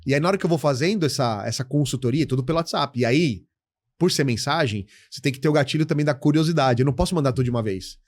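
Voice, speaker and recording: A middle-aged man as a podcast guest, telling client stories in a casual, lively way and acting out both sides of the conversations. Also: medium pitch, racing, no echo. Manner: animated storytelling, acts out client dialogues, says "cara" often. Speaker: guest, insurance educator.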